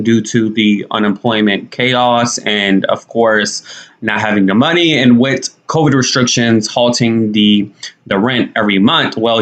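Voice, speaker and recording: A man's voice: medium pitch, a bit bright. A young man giving casual news commentary to camera in a conversational, slangy way. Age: young adult. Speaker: YouTube commentator. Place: small indoor room.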